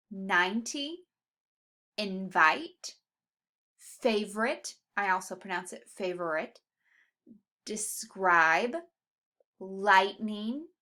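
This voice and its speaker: Lady teacher going over spelling words real slow, bright voice. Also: mid-range voice. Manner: slow, careful, stretches out example words. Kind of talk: spelling lesson for students.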